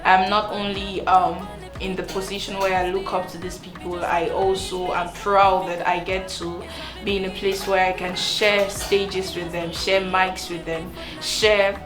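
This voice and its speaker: A woman's voice: mid-range voice, flat delivery, unhurried. Woman singer, earnest interview talk, echoey room with music beneath. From Cameroon. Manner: earnest, with many restarts and repeated words. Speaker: singer and songwriter.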